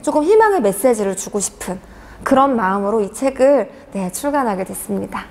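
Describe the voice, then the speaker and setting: A woman's voice: medium pitch, lively intonation, a little fast, darkish tone, slight background noise. Earnest woman in her forties, echoey room. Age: 40s. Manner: earnest, hesitant with many fillers. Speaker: author being interviewed. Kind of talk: reflective interview answers.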